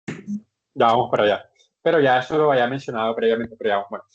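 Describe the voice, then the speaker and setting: A man's voice: mid-range voice, fast talker. A man teaching an English class online in Spanish, explaining step by step with patient repetitions and restarted words. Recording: dull lo-fi online class audio.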